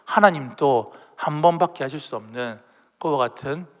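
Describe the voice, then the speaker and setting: A male pastor with a voice that runs a little high preaches at a moderate pace, questioning the congregation and guiding them through reading aloud. The church sanctuary gives the recording a long hall reverb.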